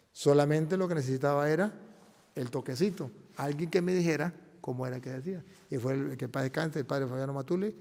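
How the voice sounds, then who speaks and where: Earnest priest with a gravelly voice. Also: male voice, on the high side, warm tone. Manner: earnest, emphatic, with many restarts. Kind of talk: personal testimony talk. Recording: long reverb of a large hall.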